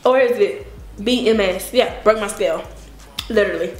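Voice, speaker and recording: A woman's voice: medium pitch, normal speed, echoey room, faint music behind. A young Texan woman vlogging in her kitchen, chatty and casual, swearing freely and saying y'all. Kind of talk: casual vlog chat. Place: home kitchen.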